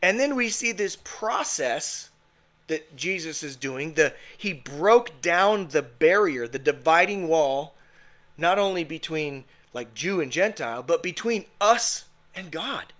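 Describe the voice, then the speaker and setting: Slow, earnest man preaching a sermon. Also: a little high, animated, a bit bright. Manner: earnest, emphatic, with restarts and small laughs. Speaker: pastor. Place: home fellowship room.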